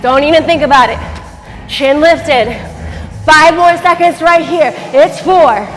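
A woman in her thirties coaching a high-energy workout class, barking urgent, motivating commands like a gym coach. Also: unhurried, a bit bright. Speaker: fitness instructor. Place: large empty dance studio, indoors. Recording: echoey studio hall, distant mic, faint music.

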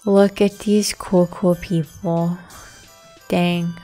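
A woman's voice: fairly low pitch, flat delivery, extremely slow, warm tone. A woman narrates a story game aloud and drops in casual asides of her own. Music plays behind the voice.

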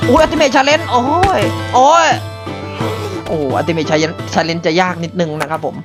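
A man giving excited live gameplay commentary, often exclaiming and repeating words in rapid bursts. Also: high voice. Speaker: game streamer. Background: loud music.

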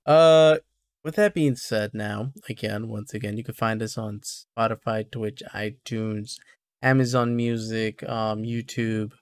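A man hosting a podcast, agreeing with his co-host and briskly listing links and plans in casual chat. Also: lowish voice, no room sound.

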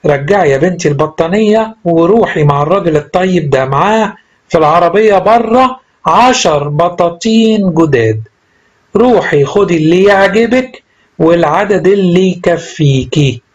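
A man with an Egyptian Arabic accent voicing an old, kindly bishop who speaks gently and like a father. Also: high-pitched, lively intonation, normal speed, muffled recording. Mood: gentle.

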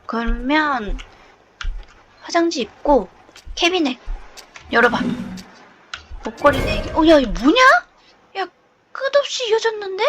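Woman streamer, horror game playthrough, high voice that swings a lot, jumpy and chatty. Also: animated, slow, pauses often, fairly bright tone, a little hiss or hum. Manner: chatty, jumpy, lots of nervous laughter. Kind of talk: horror game let's play.

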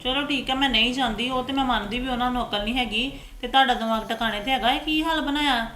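A woman playing a gentle young sister who speaks softly and pleadingly to her family. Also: a little high, fast, slight background noise, lightly acted. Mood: worried. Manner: soft, pleading.

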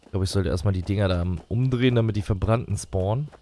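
A man's voice: fairly low pitch, quick pace, warm tone, slight background noise. A man giving casual, colloquial let's play commentary, musing to himself as he goes.

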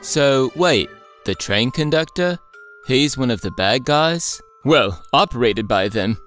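A man narrating and voicing characters in a cartoon, with a playful, excitable delivery. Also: medium pitch, slow, faint music behind. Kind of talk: cartoon voice acting.

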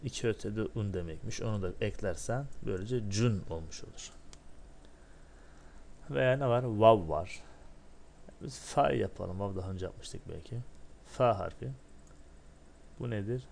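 A man's voice: on the low side, lively intonation, a little slow, gravelly, pauses often, a little mellow, a little hiss or hum. A man teaching beginners a language lesson step by step, asking himself questions and answering them, and drilling syllables one by one. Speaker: Arabic teacher.

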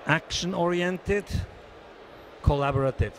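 A man in his sixties from Switzerland, giving a measured, businesslike conference interview into a handheld mic, pausing often. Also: fairly high pitch, a little hiss or hum. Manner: measured, businesslike, many hesitations. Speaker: interviewee, association treasurer. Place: conference booth indoors.

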